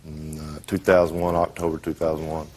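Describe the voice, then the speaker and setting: A middle-aged man with a very deep voice answers questions in court. His delivery is flat, terse and halting. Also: husky. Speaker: defendant in TV court.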